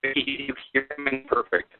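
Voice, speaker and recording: A man talking casually and haltingly on a group call, his voice choppy and breaking up over a bad conference phone line. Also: mid-range voice, little pitch movement. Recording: tinny phone line with faint music behind.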